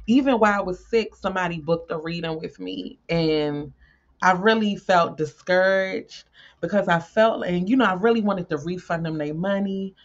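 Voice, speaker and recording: A woman's voice: fairly low pitch, dull audio. A woman tarot reader chatting casually to her viewers, repeating herself and swearing freely.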